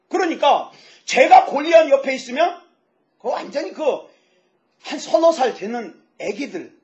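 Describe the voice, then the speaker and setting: A pastor in his fifties preaching a sermon, lively and joking, asking the audience questions. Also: very high-pitched. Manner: lively, asks the audience questions, jokes about himself. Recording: dull lo-fi sound.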